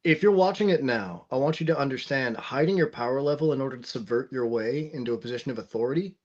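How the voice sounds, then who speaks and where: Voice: mid-range voice, quick pace, darkish tone. A guest in a casual chat who speaks directly to the viewers. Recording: muffled, distant audio.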